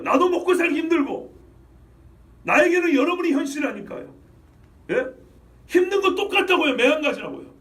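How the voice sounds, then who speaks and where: A male pastor preaching a sermon, firing rhetorical questions and swinging between loud outbursts and low asides. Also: recorded from a distance. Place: church sanctuary.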